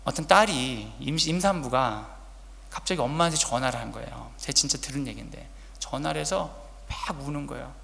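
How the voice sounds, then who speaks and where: A male pastor preaching a sermon at a church service, swinging between loud urgent lines and hushed whispers and asking the congregation direct questions. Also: medium pitch, fairly quick, creaky. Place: church sanctuary, Friday service. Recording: long church hall reverb.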